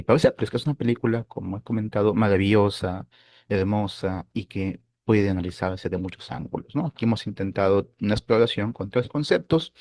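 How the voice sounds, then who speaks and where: A man hosting a philosophy channel, talking through a film in a thoughtful, hesitant way, often pausing and checking in with his listeners. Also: fairly low pitch, darkish tone. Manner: thoughtful, hesitant, with frequent "eh" and tag questions. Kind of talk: casual film commentary.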